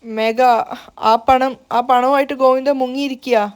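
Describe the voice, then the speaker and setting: A woman's voice: sits high, fairly even intonation, moderate pace, clean tone, natural voice. A woman voicing a flustered middle-aged man who pleads and frets as he explains himself. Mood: worried. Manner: pleading, worried.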